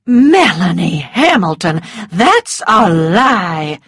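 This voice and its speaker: A stern society matron, played by a woman reader, scolds in an imperious, forceful voice. She speaks slowly into a dry, close microphone. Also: fairly high pitch, big pitch swings, slightly rough, no room sound, pitched above the performer's own voice, exaggerated voice. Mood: outraged.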